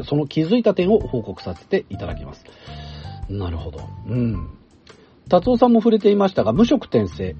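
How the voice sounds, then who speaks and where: A man hosting a radio talk show, reading listener mail aloud in a chatty manner with casual asides. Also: on the high side. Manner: chatty and animated, with asides and laughs. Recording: dull broadcast sound, faint music behind.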